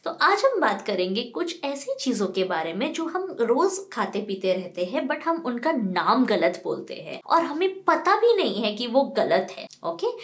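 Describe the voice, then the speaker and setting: An Indian woman teaching pronunciation in a casual lesson, spelling words out letter by letter and quizzing the viewer. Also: a little high. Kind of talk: casual lesson mixing Hindi and English.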